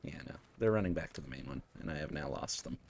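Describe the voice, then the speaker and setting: A man's voice: extremely low pitch, animated, fast, a little mellow, slight background noise. A man giving casual, muttered running commentary while streaming a game.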